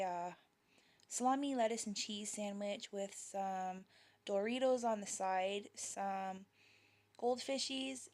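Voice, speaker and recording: A young woman does a casual voice-over vlog showing her kids' lunches, chatting with light laughs and fillers like um and uh. Her mid-range voice is a little mellow and slightly worn.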